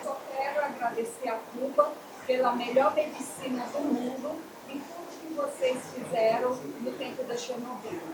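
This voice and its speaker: A woman in the audience makes a short, effusive statement of thanks, speaking with emphasis. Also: high-pitched. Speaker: audience member. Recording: echoey hall, far off, loud noise.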